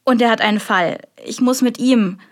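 A woman's voice: fairly high pitch, moderate pace, lightly acted. A woman reading an audiobook, voicing an earnest, apologetic male assistant. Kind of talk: audiobook character voice.

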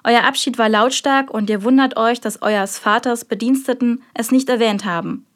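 A woman's voice: on the high side, normal speed, natural voice. A woman reading an audiobook, voicing a stern, irritable male magistrate with biting sarcasm. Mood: interrogating. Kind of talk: audiobook character voice.

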